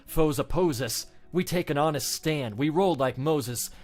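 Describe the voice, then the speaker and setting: A man's voice: on the high side, measured pace, a little mellow, natural voice. A man voicing a brooding, earnest anti-hero hedgehog, solemnly declaiming lyrics like a dramatic storybook reading. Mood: fervent, defiant. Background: music.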